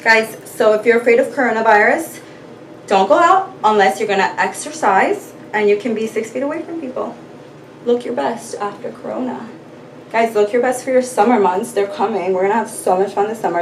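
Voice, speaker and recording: A woman's voice: medium pitch, slight background noise. A woman chatting casually to her viewers in a rambling vlog, full of fillers. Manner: chatty, scattered, many fillers. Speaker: vlogger. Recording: echoey room, mic far off.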